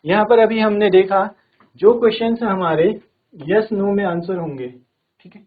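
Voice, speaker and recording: A man with a fairly high voice teaches a virtual classroom lesson. He explains step by step, often checking in with the class, and reads English examples slowly. The sound is narrow and phone-like. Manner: explains step by step, repeating "theek hai" often. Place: studio.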